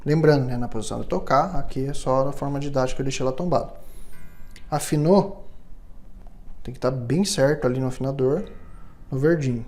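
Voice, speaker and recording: A man's voice: mid-range voice, a little fast, long pauses, a little mellow. A man teaching a step-by-step guitar setup tutorial, explaining patiently and checking in with the viewer often. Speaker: guitar luthier instructor.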